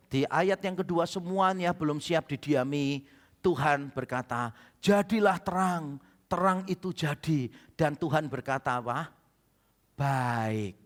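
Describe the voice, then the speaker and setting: A male pastor with an Indonesian accent, preaching a sermon with humorous stories and acted-out dialogue. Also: a little high. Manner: humorous storytelling, acts out quoted dialogue. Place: church hall. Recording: church hall reverb.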